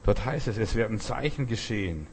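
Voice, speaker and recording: A man preaching a sermon, emphatic and repetitive, building to loud outbursts. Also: fairly low pitch, expressive, fairly quick, a little hiss or hum.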